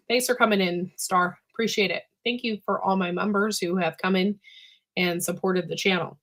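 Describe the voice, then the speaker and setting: Woman, hoarse smoker's rasp, bright forceful tone, medium pitch, chatty livestream host, throat clearing. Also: fairly even intonation, moderate pace. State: hoarse, voice giving out from allergies. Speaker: host of a live canning chat. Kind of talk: casual livestream chat.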